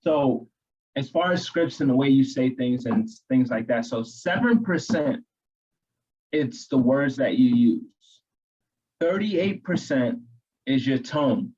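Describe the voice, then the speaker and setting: A man's voice: mid-range voice, expressive, takes it slowly, darkish tone, slightly rough, dull audio. A man from New York co-hosting a casual real estate training chat, explaining tips in an earnest coaching way. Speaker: real estate agent co-host.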